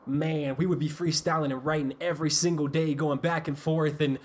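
A young man chatting casually about his start in rap, loose and quick to laugh. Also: a little high, steady tone, a little mellow. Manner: laughs often, loose storytelling with fillers. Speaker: guest rapper. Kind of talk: casual chat.

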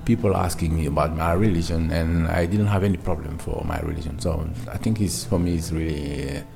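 Man, Senegalese accent, non-native English, deep pitch, halting informal interview speech, music in the background. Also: creaky. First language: not English. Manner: halting, searching for words. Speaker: interviewee, migrant worker.

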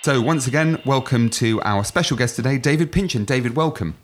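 A man's voice: medium pitch, fairly quick. A man hosting a podcast, reading an upbeat intro and then putting questions to his guest. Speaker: podcast host.

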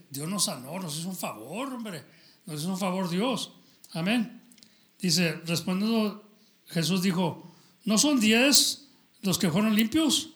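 Man preaching, high voice, slow delivery, halting scripture reading, loud bursts of praise. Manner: halting, stumbles while reading aloud; addresses listeners as brother.

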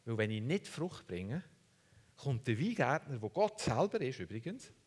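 A man's voice: mid-range voice, very animated, moderate pace, a little mellow, breathy edge. A man preaching a sermon. He asks the congregation questions and repeats key words for emphasis.

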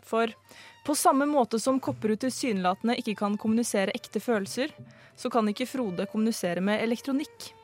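A woman's voice: fairly high pitch, natural voice. A woman playing a theatrical male amateur sleuth who speaks in an earnest, dramatic, speechifying way, in a live comedic radio play.

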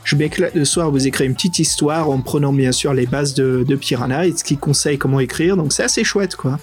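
A man with a French accent co-hosting a podcast in casual, excitable, slangy chat. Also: on the high side, fairly quick, faint music behind. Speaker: podcast co-host.

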